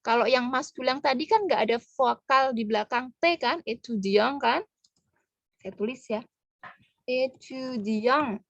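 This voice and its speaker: A woman's voice: a little high, moderate pace, vocal fry, dry recording, muffled recording. A woman teaching French pronunciation in an online lesson, patiently breaking words into syllables.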